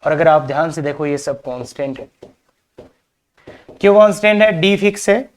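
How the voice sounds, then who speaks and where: In this coordinate geometry lesson, a male teacher with a somewhat high voice talks at a moderate pace. His style is conversational, sprinkled with English words, and he addresses the class as kids while posing rhetorical questions.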